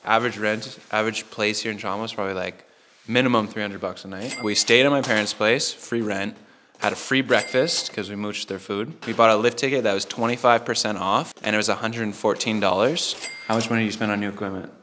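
A man in his twenties hosts a joking, casual vlog from a ski hill and indoor lodge rooms, speaking straight into a handheld action camera at arm's length and swearing casually. His fairly low voice is steady, brisk, pushed and bright, with slight background noise.

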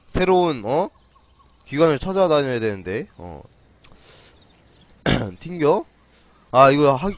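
A man casually commentating his own game play on a live stream, playful and chatty, often clearing his throat. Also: mid-range voice. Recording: faint game music behind.

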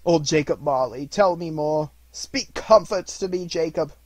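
A man's voice: medium pitch, normal speed, mellow, slightly rough, no echo, natural voice. A man voicing a frightened old miser in a storybook, speaking in a faltering, deferential, pleading way.

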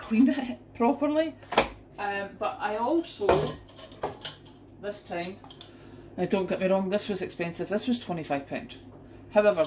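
A middle-aged woman from the UK talks to the camera from her home kitchen. She is chatty and exclamatory, and the prices get an indignant edge from her. Her pitch sits mid-range, and there is a faint ambient hum behind her. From United Kingdom. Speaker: vlogger showing a grocery haul. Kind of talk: casual chat to camera. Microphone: camera pointed down at a kitchen counter.

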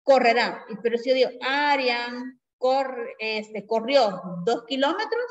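A woman teacher giving a grammar lesson who explains patiently and keeps checking in with her class through quick tag questions. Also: on the high side, lively intonation. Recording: dull lo-fi recording.

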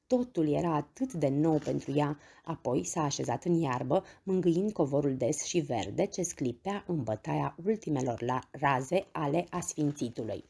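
A woman reading a bedtime story aloud in a gentle, expressive way. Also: low-pitched, vocal fry, husky.

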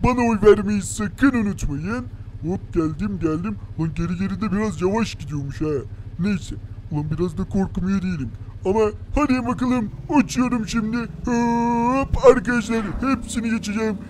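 A man voicing Nop, an excitable boy racer in a Minecraft animation, who keeps laughing and crying out in surprise. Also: high-pitched, normal speed, a little hiss or hum, close to an everyday voice. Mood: excited. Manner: excitable, gasps and laughs often.

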